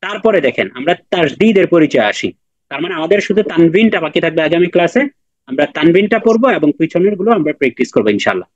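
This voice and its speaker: Guy teaching quran reading online, higher voice, repeats everything patiently, dull muffled audio. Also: sing-song, quick pace, no room sound. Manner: patient, repeats and drills with students. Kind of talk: online class lesson.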